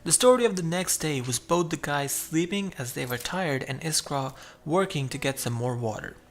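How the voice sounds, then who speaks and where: A man's voice: a little high, animated, normal speed, soft background music. A man narrating his own survival game playthrough, chatty and explaining each move as he goes. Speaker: gameplay narrator.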